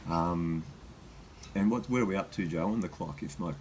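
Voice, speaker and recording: An Australian man talking casually and haltingly as host, with a slight cold shiver in his voice as he sits in icy water. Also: low-pitched, background noise. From Queensland, Australia. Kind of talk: casual unscripted talk. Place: sitting in a freezer full of icy water.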